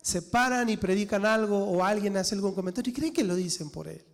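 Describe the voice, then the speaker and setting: A man's voice: high voice, brisk, gravelly. A man, a pastor, preaching a sermon with rhetorical questions and dramatic quoted voices. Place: church hall. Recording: church hall reverb.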